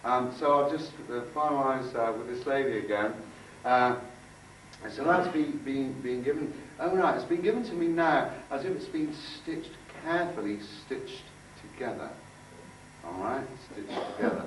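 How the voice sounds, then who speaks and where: An aura healer with a mid-range voice speaks informally to a group in an indoor room, mixing demonstration with guided visualisation. His manner is halting and chatty, and he repeats phrases for emphasis. Sound is echoey, from a distant mic, with faint noise.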